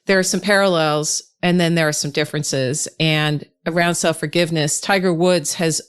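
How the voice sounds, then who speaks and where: A woman podcast host with a smooth, clear voice that sits a little low. She talks in a chatty, reflective way and warmly affirms her guest as the conversation goes on. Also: steady tone, moderate pace. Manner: chatty and reflective, with frequent affirming murmurs and laughs.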